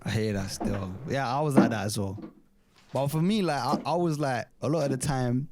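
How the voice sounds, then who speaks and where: Casting: male podcast co-host, twenties, London roadman accent, loose slangy banter, mid-pitched voice. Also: moderate pace, very noisy. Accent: London urban roadman slang accent. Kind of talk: casual banter and chat.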